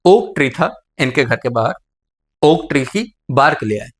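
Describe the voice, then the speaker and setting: At a measured pace, a mid-range male voice with lively intonation teaches biology in class. He addresses students as "beta" and answers his own questions.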